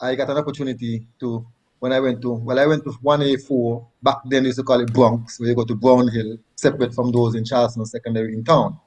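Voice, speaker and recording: A man's voice: mid-range voice, little pitch movement, quick pace, few pauses, darkish tone, low-quality recording. Nevisian man telling his story. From Nevis, Saint Kitts and Nevis. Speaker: interview guest, former track athlete. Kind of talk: conversational personal storytelling.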